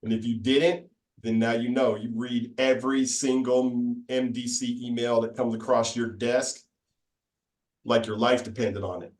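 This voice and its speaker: A man's voice: mid-range voice, flat delivery, unhurried, distant mic. A man hosting a casual online meeting, upbeat and joking, laughing easily between remarks. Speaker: meeting host. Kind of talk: casual video call chat. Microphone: video call.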